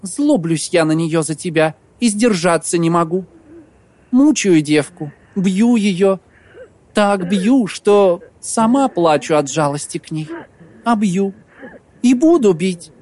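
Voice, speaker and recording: Мужчина читает за расчётливую озлобленную молодую жену хозяина, уговаривая холодно и настойчиво. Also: male voice, high voice, animated, slow pace, darkish tone, voice pushed up. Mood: persuasive. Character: scheming bitter young woman, innkeeper's wife.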